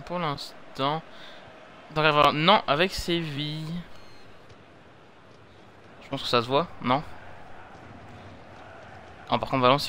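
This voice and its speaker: A man's voice: medium pitch, sharp tone, a little hiss or hum. A young man casually commenting on his own gameplay at home, chatty and rambling, often correcting himself mid-sentence. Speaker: gaming YouTuber. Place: home gaming setup.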